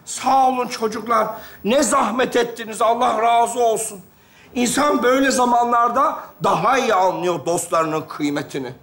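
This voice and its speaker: An actor playing a sentimental hospitalized teacher who preaches melodramatically about friendship. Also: male voice, very high voice, moderate pace, fairly bright tone. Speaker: hospital patient. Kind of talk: studio sketch comedy.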